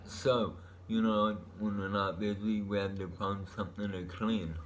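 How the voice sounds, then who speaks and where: Man, low voice, casual solo vlogger; laid-back stoner-style delivery, meandering and unscripted. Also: flat delivery, a little slow, highs cut off, a little hiss or hum. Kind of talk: rambling casual monologue.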